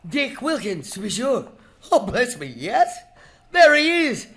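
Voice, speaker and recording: A woman's voice: fairly high pitch, big pitch swings, a little slow. An older woman acting the old miser Scrooge in a live radio drama, shaken and wistful, swept up in memory. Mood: overjoyed. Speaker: actor playing the lead. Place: live stage performance.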